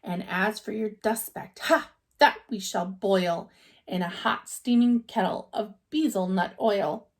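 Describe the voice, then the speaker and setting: A woman's voice: mid-range voice, a little slow, close to an everyday voice. A woman voicing a big, scornful, bossy kangaroo from a storybook, with a snapping, dismissive manner. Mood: scornful threatening.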